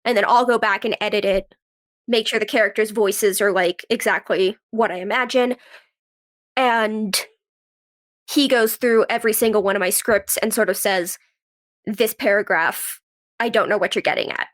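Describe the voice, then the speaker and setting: Here the writer and actress speaks at a normal speed in a mid-range, steady, fairly bright voice. As a podcast guest in a relaxed interview, she reflects informally and makes her points through anecdotes.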